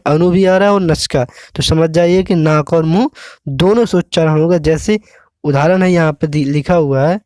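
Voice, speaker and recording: A man teaching an exam-prep lesson, explaining slowly and pausing often to check with the viewer. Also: fairly high pitch, dry recording, studio quality.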